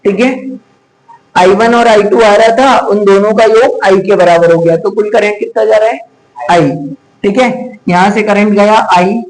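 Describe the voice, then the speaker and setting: A man with a high voice teaches a physics class, talking a little slowly on a rough recording. He's chatty and teasing, scolds the students to focus, and mixes in English terms during the lecture.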